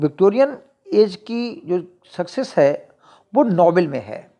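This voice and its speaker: In an exam-prep lecture, a teacher with a medium-pitched, darkish voice reads each question and its options aloud. The answers are then explained in Hindi, mixed with English literary terms.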